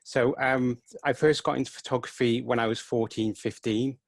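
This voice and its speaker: A Welshman in his thirties answers questions about his photography over a video call, earnest and enthusiastic in this casual interview. Through a headset with no room sound, his mid-range, creaky voice has fairly even intonation at a moderate pace.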